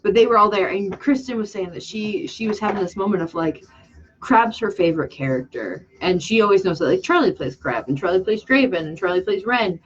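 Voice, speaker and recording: A woman hosting a casual livestream chat, rambling excitably and losing her train of thought. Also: mid-range voice, brisk. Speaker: channel host and makeup artist. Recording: dull lo-fi sound.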